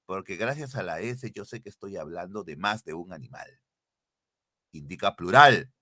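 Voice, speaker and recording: A man leads an online exam-prep lesson through a computer mic with screen sharing, drilling definitions and putting exam-style questions straight to his students. He sounds animated at a moderate pace, his bright, forward voice rising and falling widely. The audio is close and dry, without any room echo.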